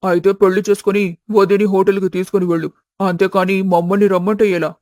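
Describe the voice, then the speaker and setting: A woman's voice: mid-range voice, little pitch movement, brisk, a little mellow, no room sound, clean studio sound, voice pushed down, natural voice. A woman voicing a cheeky, mocking younger brother in a storybook tale. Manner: mocking, playful. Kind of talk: storybook voice acting.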